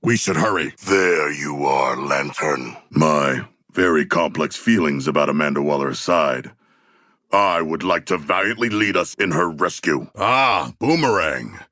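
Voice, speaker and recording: A man voicing a hulking humanoid shark warrior for a video game, gravelly, with formal, grandiose, earnest delivery. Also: extremely low pitch, animated, a little slow, sharp tone, no echo, studio quality, full character voice. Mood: solemn, low. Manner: formal, grandiose, stilted phrasing. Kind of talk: video game character dialogue.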